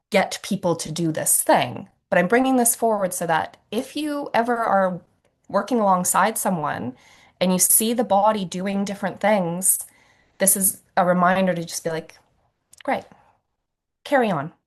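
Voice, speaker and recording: A woman facilitating a trauma-informed masterclass on a video call, telling stories in a conversational way with fillers and acted quotes. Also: mid-range voice. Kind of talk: teaching a recorded masterclass.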